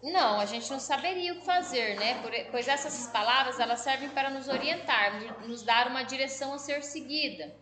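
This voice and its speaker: A woman's voice: high voice, a little fast, few pauses. A woman teacher giving a recorded school lesson, patiently explaining exercises and often checking in with her pupils. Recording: echoey room with background music.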